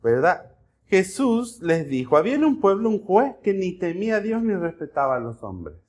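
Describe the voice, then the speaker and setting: A male pastor preaching a sermon in a conversational way, often checking in with the congregation and telling lively stories. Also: high-pitched, moderate pace. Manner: conversational, keeps asking the congregation "¿verdad?"; animated storytelling with acted-out voices and jokes.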